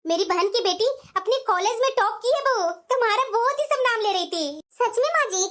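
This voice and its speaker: Woman with a very high voice carrying a cartoon family story, voicing both women, expressive. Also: fairly quick. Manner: expressive, switching between two figures. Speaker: voice actor voicing mother-in-law and daughter-in-law.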